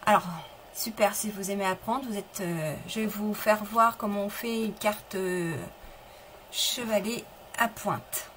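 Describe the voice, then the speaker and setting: Showing off her materials in a live papercraft stream, a middle-aged woman talks casually, responds to viewers, and often starts sentences over. She has a medium-pitched, fairly even, slightly bright voice and an unhurried pace, captured in a rough recording with slight background noise.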